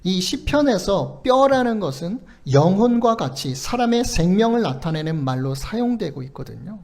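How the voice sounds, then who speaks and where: A male pastor delivers a sermon in a high, lively voice that swoops up and down. A gravelly edge runs under his earnest delivery as he reads scripture aloud and explains it with soft, coaxing sentence endings. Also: normal speed. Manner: earnest preaching, quotes scripture with rising emphasis; gently coaxing, ends sentences with soft "거든요" and "요".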